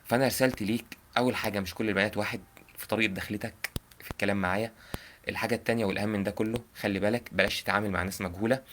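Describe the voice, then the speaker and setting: A man's voice: on the low side, fairly even intonation, racing, a bit bright, a little hiss or hum. A young man with an Egyptian accent giving earnest, informal advice on a live call. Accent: Egyptian Arabic. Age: young adult. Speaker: prank caller giving advice.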